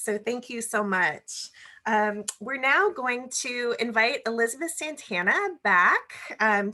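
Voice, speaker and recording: A woman's voice: medium pitch, pushed and bright. A woman hosting an online event and introducing the next speaker in a friendly way, with casual fillers. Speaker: event host.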